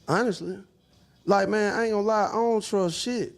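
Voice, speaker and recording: Man, 30s, high-pitched, casual slangy chat, swears a lot. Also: normal speed, vocal fry, soft background music. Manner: laid-back, slangy, swears freely, many fillers. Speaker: podcast panelist.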